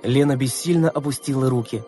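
A woman narrating a children's story in an expressive, measured way. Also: extremely low pitch, faint music behind. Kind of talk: storybook reading.

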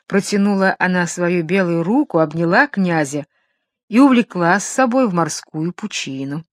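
A woman narrating a fairy tale in a calm, measured storytelling voice. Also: mid-range voice, no echo, clean studio sound.

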